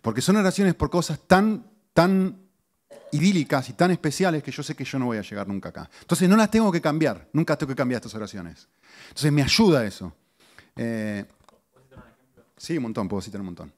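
A middle-aged man, a pastor giving a conversational sermon to his congregation with lively rises in pitch and asides to the listeners. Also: brisk. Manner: conversational teaching, animated pitch swings, audience asides.

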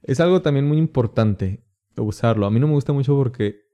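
A man who is a priest, speaking as a podcast guest in casual chat, relaxed and laughing often. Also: mid-range voice, brisk, muffled recording.

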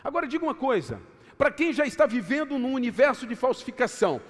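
A male pastor preaching a sermon, swinging between emphatic raised passages and quiet, low asides. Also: very animated, fast, in a large hall. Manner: preaching with emphatic rises and hushed drops. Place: church hall.

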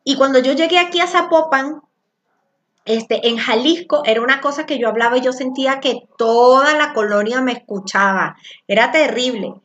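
Mujer venezolana de voz aguda que habla rápido. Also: female voice, sits high, dull audio. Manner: fast, rushed, loud talker. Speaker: spiritual workshop teacher. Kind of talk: teaching a group session.

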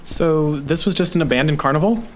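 A man's voice: a little high, fairly quick, slight background noise, natural voice. A young man playing a keen but anxious teenage boy in a naturalistic drama.

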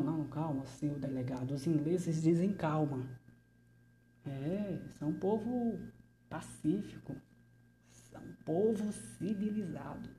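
A woman's voice: low voice, dark tone, a little hiss or hum. A woman playing a frightened stammering male artist. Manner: stammering, nervous, slips into whispers. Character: frightened male artist under interrogation, rambling. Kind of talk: theatrical monologue.

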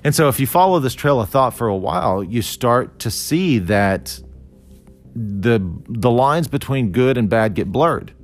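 A man's voice: medium pitch, expressive, a little slow, faint music behind. A man in his forties, from Costa Rica, explaining a philosophy idea in a thoughtful, conversational lecture with restarts and fillers. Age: 40s.

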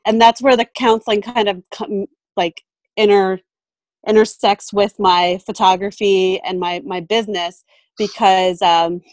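A woman's voice: medium pitch, steady tone, measured pace, no echo. A woman photographer and mentor chatting casually in an interview, thoughtful, with frequent ums and restarts. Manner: thoughtful, many fillers and restarts. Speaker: photographer and mentor, podcast guest.

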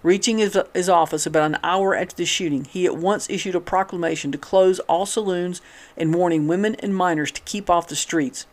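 A man reading an old newspaper article aloud in a steady, measured way, with occasional restarts. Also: high-pitched. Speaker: reader of a historical newspaper.

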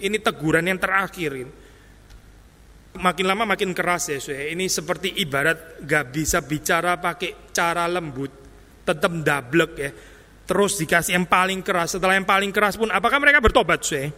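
A man's voice: sits high, fairly quick, pushed and bright. A male preacher giving an expository sermon in a conversational way, often addressing listeners directly and slipping in English phrases. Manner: conversational, mixes English phrases, repeats "saudara". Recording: long reverb of a hall.

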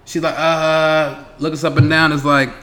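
A man's voice: on the high side, fast talker, a little hiss or hum. A man from New York co-hosting a casual podcast chat, telling stories with lots of slang and swearing, and acting out what other people said. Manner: animated storyteller, acts out quotes, heavy slang and swearing. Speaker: podcast co-host.

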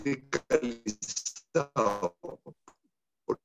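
A man lecturing over an online call, halting and full of fillers, his audio cutting out in choppy bursts. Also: mid-range voice, gravelly, a bit bright, slight background noise. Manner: halting, with many fillers and restarts. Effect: choppy audio cutting out on a call connection. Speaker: guest on a call. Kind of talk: lecturing monologue.

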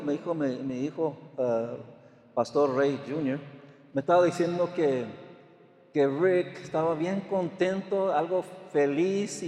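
Older pastor man, high voice, echoey hall. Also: darkish tone. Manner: storytelling with frequent amens and repeated words. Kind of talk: sermon. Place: church.

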